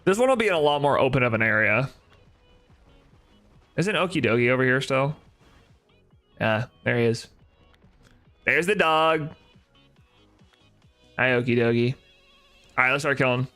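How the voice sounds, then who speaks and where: A man's voice: mid-range voice, expressive, normal speed, long pauses, pushed and bright, soft background music. A young man, chatting casually on a live stream, opinionated and answering his chat with rhetorical questions. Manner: opinionated, talks back to chat with rhetorical "right?".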